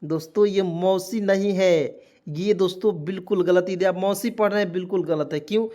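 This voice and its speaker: High-voiced man teaching spelling. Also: normal speed, warm tone. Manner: repeats questions to viewers, spells words letter by letter. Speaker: English teacher. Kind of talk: spoken lesson.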